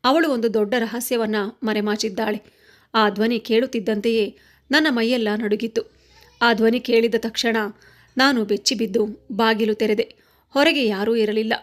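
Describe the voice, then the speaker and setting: A woman with a somewhat high voice tells a scripted first-person family drama as an audio story. She narrates in a dramatic, steady storytelling manner, reading each line cleanly. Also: normal speed, pauses often.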